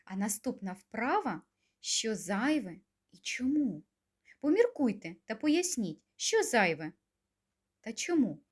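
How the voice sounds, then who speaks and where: A kindergarten teacher with a husky voice leads little children through a speech lesson, her pitch rising and falling in a lively singsong. She talks slowly and gently, asking coaxing questions and pausing so the kids can answer.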